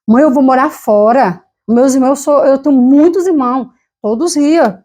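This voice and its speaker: A woman's voice: sits high, normal speed, mellow. A woman from Brazil with a Brazilian Portuguese accent, preaching a fervent, emotional sermon with personal testimony at a church service. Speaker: lay preacher.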